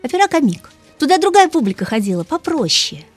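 A woman guest speaking as a music expert, explaining things lively and asking rhetorical questions. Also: high voice, brisk. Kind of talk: radio talk about opera.

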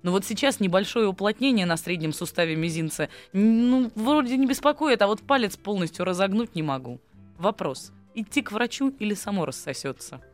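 A man's voice: high voice, animated, fairly quick, soft background music. A man hosting a radio talk show, reading listener questions aloud with a joking manner. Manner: reads listener letters, joking. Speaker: radio host.

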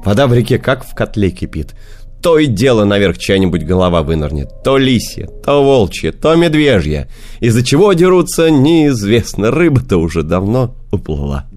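A man narrating children's fairy tales as an audiobook, in a lively, expressive storytelling manner. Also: fairly low pitch, normal speed, soft background music.

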